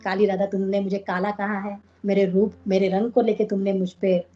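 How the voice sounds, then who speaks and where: A woman's voice: medium pitch, little pitch movement, normal speed, dark tone, faint music behind, natural voice. A woman voicing a proud, playful young god who boasts and sulks, in a devotional story, on a dull lo-fi recording. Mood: sulky. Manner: sulking, childish boasting.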